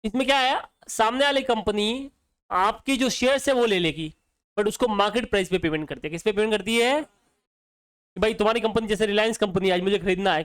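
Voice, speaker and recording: Guy teaching accounts, keeps asking the class questions, high clear voice, dry sound. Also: fairly bright tone, no echo. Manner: quizzing students with repeated questions. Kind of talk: exam-prep lecture.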